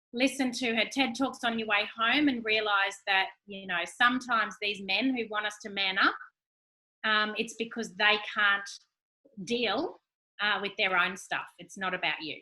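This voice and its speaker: A woman in her forties answering audience questions in a frank, animated way, acting out quoted exchanges. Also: medium pitch, low-quality recording. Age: 40s. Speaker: guest speaker. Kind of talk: candid Q&A talk.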